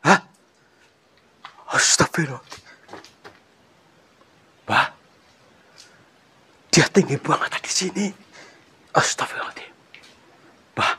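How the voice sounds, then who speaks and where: A man on a cave exploration vlog, talking in a hushed, nervous way and muttering prayers. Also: a little high, slow pace, long pauses, slightly rough.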